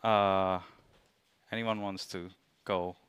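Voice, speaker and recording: Slow-spoken male panel moderator. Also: deep voice, flat delivery, a bit bright, clear, resonant tone.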